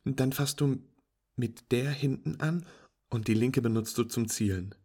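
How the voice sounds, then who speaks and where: Guy doing a friendly young woman teaching pool, playful, encouraging, a bit raspy. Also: medium pitch, measured pace, a little mellow, voice pushed up. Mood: cheerful, instructive. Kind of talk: storytelling with acted dialogue.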